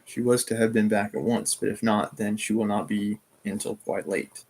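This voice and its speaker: A man's voice: fairly low pitch, fairly even intonation, moderate pace, darkish tone, slightly rough. A man reading the lines of a suave, scheming older nobleman who pleads insistently, in his own everyday voice.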